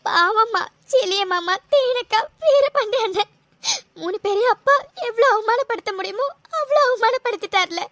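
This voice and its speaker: A woman's voice: extremely high pitch, moderate pace, fairly bright tone, dry recording. A woman voicing a tearful heartbroken young woman. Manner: tearful, pleading. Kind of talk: cartoon voice acting.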